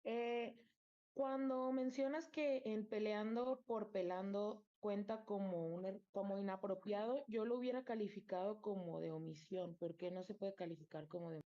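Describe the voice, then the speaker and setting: A woman's voice: medium pitch, fairly even intonation, normal speed, mellow, lo-fi sound. A woman student politely asking her teacher a question.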